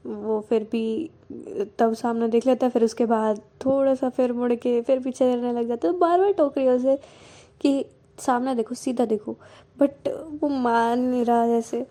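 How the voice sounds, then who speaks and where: Woman storyteller, casual narration, chatty, mellow tone. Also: fairly high pitch, fairly even intonation, normal speed. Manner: chatty, explaining as she goes.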